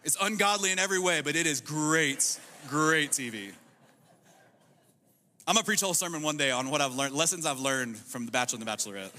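A man's voice: on the high side, a little fast, a little hiss or hum. A young adult man, a pastor, preaching a casual sermon full of jokes and stories. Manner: casual, joking, animated storytelling with many "like"s. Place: church auditorium. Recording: long reverb of a large hall.

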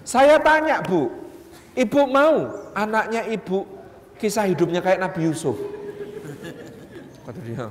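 A man preaching a humorous mosque lecture, telling stories lively and acting out the people in them. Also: high-pitched, measured pace, pauses often. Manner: lively storytelling, acts out quotes, jokes. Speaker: Islamic preacher. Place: large mosque hall. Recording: reverberant hall, faint ambience.

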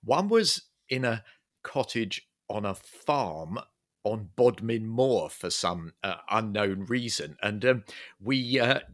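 A man co-hosting a travel podcast, laughing easily and pausing with many ums and uhs. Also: on the low side, expressive. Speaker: podcast co-host. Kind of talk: casual podcast chat.

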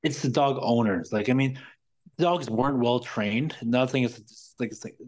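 A man talking at a medium pitch in loose, casual conversation. He tells his story in fits and starts, piles up "like"s and swear words, and sounds openly exasperated with the careless people in it. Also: moderate pace, a little mellow. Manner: rambling, profane, exasperated. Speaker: podcast guest.

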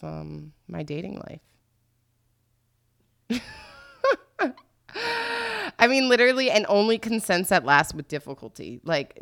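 A woman with a low-pitched voice hosts a casual show. She speaks candidly and playfully, moving between loose chat and reading aloud to her listeners. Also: vocal fry, fairly bright tone. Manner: candid and playful, with acted-out asides. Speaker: host.

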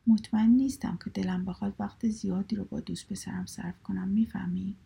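A woman's voice: medium pitch, steady tone, gravelly, breathy edge, heavily acted. Woman whispering a sly teasing sister. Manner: soft whispered delivery. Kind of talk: whispered story reading.

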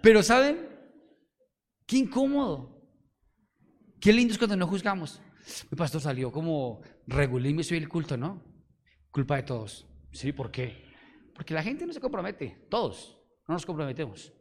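Animated Colombian pastor in echoing hall. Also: male voice, a little high, normal speed. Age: middle-aged. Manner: animated, emphatic, full of rhetorical questions to the congregation. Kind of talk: sermon. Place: church hall. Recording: long hall reverb.

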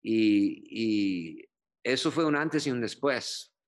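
This is the same kind of interview testimony from a low-voiced, middle-aged pastor from Chile, told with earnest feeling. His delivery is animated, broken by frequent pauses and filler-led restarts.

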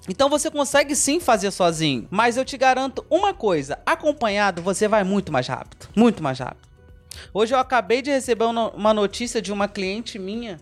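A Brazilian man hosting a motivational podcast, emphatic and repetitive, speaking straight to the listener as a mentor. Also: high-pitched. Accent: Brazilian Portuguese.

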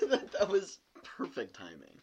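A man's voice: sits high, huge pitch swings, slow, darkish tone, dull audio, slight background noise. A young man co-hosting a casual podcast, joking and laughing often. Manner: giggly, jokey, laughs often. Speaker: podcast co-host. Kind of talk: casual chat.

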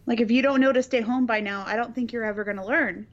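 A podcast co-host chats casually, joking and swearing, her slightly high voice scratchy and partly lost. She talks at a quick pace, and the audio sounds dull.

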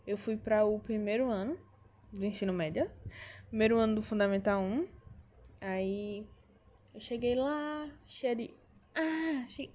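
A young woman vlogger with a Brazilian Portuguese accent chats casually and ramblingly to viewers, full of slang and restarts. Her medium-pitched voice is mellow and a little slow, with long pauses. The recording has a dull lo-fi sound.

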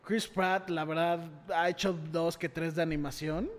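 Mexican guy co-host, high voice, joking and arguing, echoey hall sound. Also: fairly even intonation, moderate pace. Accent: Mexican Spanish. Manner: slangy, joking, argumentative. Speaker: podcast co-host. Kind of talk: casual chat among friends.

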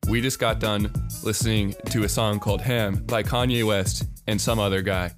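A man's voice: lowish voice, steady tone, normal speed, over music. A man co-hosting a casual podcast, talking in a hyped, announcer-like way. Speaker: podcast co-host.

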